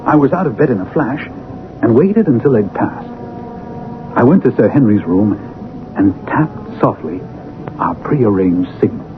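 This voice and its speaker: An actor playing Doctor Watson as an earnest, polite, formal gentleman who also narrates in a radio mystery. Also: medium pitch, lively intonation, measured pace, long pauses, phone-quality sound, background noise, natural voice. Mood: earnest narrating. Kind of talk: radio drama acting and first-person narration. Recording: band-limited old radio broadcast, music behind.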